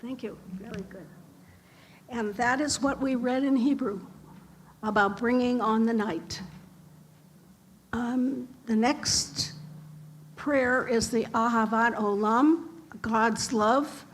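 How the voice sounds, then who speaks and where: A woman leading a family service talks in a gentle, encouraging way, her voice a little high and her pace unhurried. The live recording is noisy, with the room's ambience heard behind her. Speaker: service leader. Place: synagogue sanctuary.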